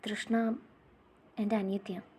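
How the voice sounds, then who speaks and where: A reserved young man, as a woman narrator puts him on, speaking low and hushed in a storybook romance. His voice stays restrained and gentle. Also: animated, quick pace. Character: young man, stern but softening, emotional.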